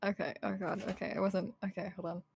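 A woman's voice: medium pitch, little pitch movement, fast talker, gravelly, husky. A woman chatting on a live stream from her home desk, giggly and often trailing off and restarting. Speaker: streamer guest. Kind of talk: casual live-stream chat.

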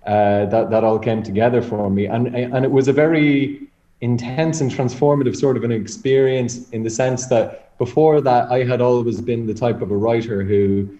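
Male author guest from Ireland, soft dark tone, hesitant and reflective, on a dull echoey line. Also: medium pitch, fairly even intonation, moderate pace. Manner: hesitant, reflective, repeats words. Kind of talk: conversational interview answers. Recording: muffled, roomy remote connection.

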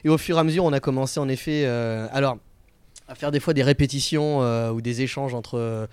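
A man, a guest on a casual podcast outdoors, explaining how he runs comedy nights, animated and full of hesitations. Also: mid-range voice, brisk, clear, resonant tone, dry recording. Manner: animated storyteller, many hesitations. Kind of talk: casual interview chat.

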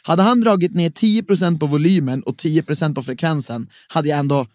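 A young man co-hosting a casual podcast chat, telling an animated rant of a story. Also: on the high side, no echo, clean studio sound. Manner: animated storytelling with rants and acted quotes. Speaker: podcast co-host. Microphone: studio microphone.

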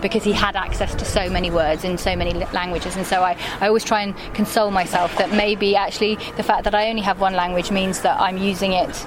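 A woman's voice: mid-range voice, flat delivery, quick pace, hardly any pauses. A woman with an English RP accent, talking reflectively and articulately in a conversational interview. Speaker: interviewed playwright. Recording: clear urban background noise.

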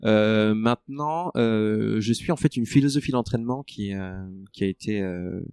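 A man in a relaxed interview, talking through his running training with many fillers and restarts. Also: on the low side, moderate pace, clear, resonant tone, no echo, studio quality. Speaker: ultra-trail runner guest. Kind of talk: conversational interview.

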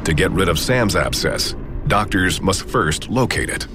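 A man giving grave, measured scripted narration for a medical documentary. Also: low voice, expressive. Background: music.

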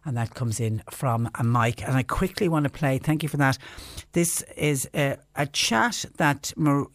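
A man's voice: medium pitch, a little slow, fairly bright tone, dry recording, clean studio sound. A man presenting local radio, reading out texts and community notices.

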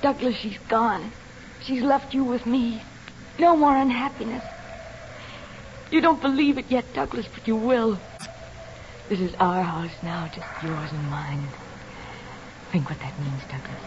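A woman's voice: on the high side, a little slow, long pauses, close to an everyday voice. An actress playing a neurotic, scheming young woman in a 1940s radio drama, pleading and then coldly possessive. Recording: dull old radio broadcast, faint hiss.

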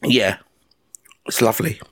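A British man in his forties chatting as a podcast host, telling personal stories in a sweary, halting, digressive way. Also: fairly bright tone. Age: 40s. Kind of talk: casual personal chat and storytelling.

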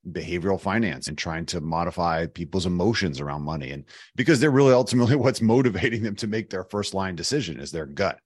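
A man co-hosting a podcast discussion in a conversational style, his voice hoarse, raspy and nearly gone. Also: sits low, animated, fast, hardly any pauses, no room sound, clean studio sound. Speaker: podcast co-host. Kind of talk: conversational discussion of financial advising.

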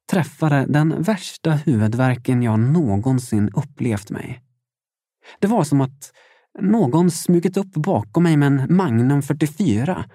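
A young adult man reading his own memoir aloud as first-person audiobook narration, steady with dramatic emphasis. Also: medium pitch, dry recording, clean studio sound.

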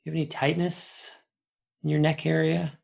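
A man guiding a relaxation meditation as an instructor, giving soothing, unhurried instructions with long pauses. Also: a little high, level tone, creaky, darkish tone.

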